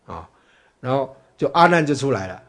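A man's voice: medium pitch, big pitch swings, moderate pace, fairly bright tone. A man giving a chatty Buddhist dharma talk as a teacher, full of fillers and rhetorical questions to his listeners. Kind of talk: dharma talk, storytelling lecture.

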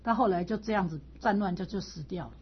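Husky woman lecturing on classics. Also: mid-range voice, quick pace, muffled recording. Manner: repetitive, storytelling, with chuckles. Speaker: teacher of classical texts. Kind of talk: explanatory lecture.

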